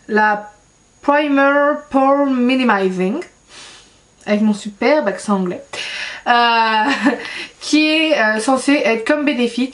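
Young beauty vlogger girl, kinda high voice, rambly and jokey about herself. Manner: chatty, filler-heavy, self-mocking. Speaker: beauty YouTuber. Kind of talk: casual vlog chat.

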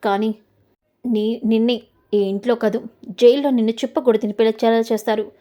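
Scheming young heiress, coolly defiant, slightly high and mellow; read by a woman. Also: fairly even intonation, normal speed, lightly acted.

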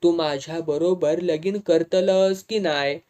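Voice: medium pitch, steady tone, slow, a little mellow, natural voice. A reader voicing a hot-tempered young village man with a Malvani accent, pressing insistently in an audiobook. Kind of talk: audiobook dialogue reading.

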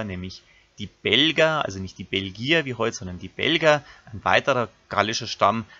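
A lower-pitched man teaches a recorded grammar lesson, walking his pupils through each step. His voice is husky yet bright and forceful. The recording sounds dull and lo-fi. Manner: explains step by step, addressing pupils directly. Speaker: Latin teacher.

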